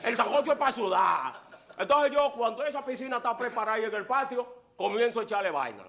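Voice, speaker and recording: A man's voice: extremely high pitch, lively intonation, fast talker, a bit bright. A man doing a boisterous stand-up comedy monologue, full of exaggeration and punchy repeated lines. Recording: live show with audience laughter.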